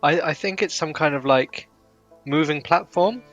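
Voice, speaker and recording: A man's voice: a little high, normal speed, a bit bright, lo-fi sound, faint music behind. A man talking casually and bantering as a player in a tabletop role-playing game. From outside the United States.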